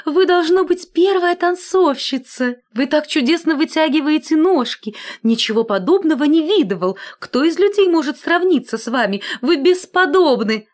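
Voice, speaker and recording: A vain little shirt collar, a dandy who flirts with everything he meets and brags about his brides, as a woman reads him. His voice is lifted high and swoops about eagerly in this storybook tale. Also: big pitch swings, a little slow. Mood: fawning. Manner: flirtatious, bragging, gushing.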